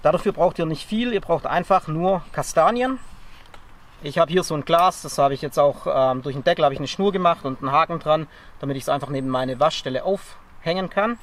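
A man's voice: fairly high pitch, fairly quick, slight background noise. A man in his thirties chatting casually as he shows a craft step by step outdoors in a forest camp. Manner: relaxed and chatty, explains step by step while working. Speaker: bushcraft instructor. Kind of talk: casual outdoor how-to demonstration. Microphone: camera a few meters off. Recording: distant outdoor camera audio.

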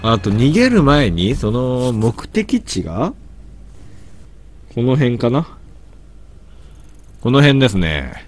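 A man's voice: mid-range voice, very animated, takes it slowly, pauses often. Guy commentating a game, stuffy nose, grumbles and scolds stuff, voice bounces up and down a lot. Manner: grumbling to himself, mock-scolding game characters. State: stuffy nose from hay fever. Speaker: gameplay commentator. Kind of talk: gameplay commentary.

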